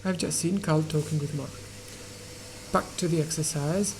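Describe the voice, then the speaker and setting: Low slow woman teacher going over english grammar, mellow voice, faint typing noise behind. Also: fairly even intonation. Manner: slow, halting explanation with pauses and fillers. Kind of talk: online pronunciation and grammar lesson.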